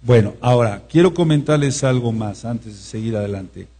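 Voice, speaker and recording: A man's voice: mid-range voice, moderate pace, mellow, breathy edge. A man with a Mexican accent teaching a sermon, repeating key words and asking his listeners questions. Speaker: preacher.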